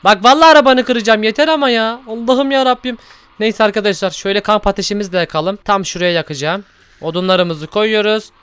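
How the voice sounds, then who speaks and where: A man's voice: high voice, fast talker, fairly bright tone, clean tone. A man hosting a Minecraft role-play video, narrating in an exasperated, scolding and theatrical way. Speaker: gaming youtuber host.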